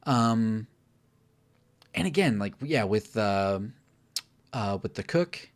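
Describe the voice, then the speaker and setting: A man's voice: fairly low pitch, expressive, slow. A man co-hosting a casual film review, talking candidly with lots of fillers and restarts.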